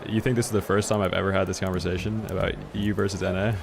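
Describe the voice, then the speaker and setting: A man's voice: deep voice, flat delivery, very fast. A man streaming a game live, chatting casually with viewers in a laid-back way. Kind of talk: casual live gameplay commentary. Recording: clear background noise.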